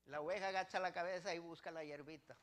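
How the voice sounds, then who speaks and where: A male pastor preaches a sermon, firing rhetorical questions at his congregation and swinging between loud declarations and quiet asides. He talks fast, with a voice on the high side and fairly even intonation.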